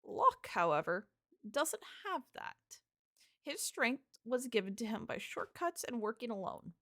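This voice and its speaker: A woman voicing a calm, wise old grandmother who mentors a young fighter in a game role-play, speaking in measured, reassuring counsel. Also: on the high side, heavily acted.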